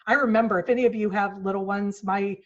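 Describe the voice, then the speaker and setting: A woman's voice: mid-range voice, steady tone, fast, dull audio. A woman in her forties giving a motivational talk, earnest and storytelling, acting out quoted lines with changes in tone. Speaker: speaker at a virtual retreat. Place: home office. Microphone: video call mic.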